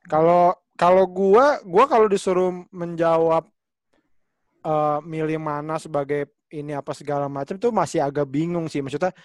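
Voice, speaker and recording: A man, a stand-up comedian, thinking aloud in casual panel talk with many pauses and restarts. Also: fairly high pitch, steady tone, no room sound.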